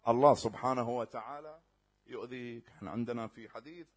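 A man preaching a religious sermon in a casual spoken style. He swings between loud, rising stresses and quiet, low asides, draws out scripture slowly, and keeps checking that his listeners follow. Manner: slow drawn-out recitation of scripture; addresses listeners directly and checks they follow.

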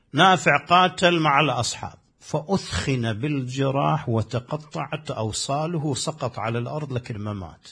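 A man's voice: medium pitch, fairly bright tone, slightly rough. A man preaching a sermon, telling a story with passion and acting out the dialogue of the people in it. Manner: impassioned, acts out quoted dialogue with rising force.

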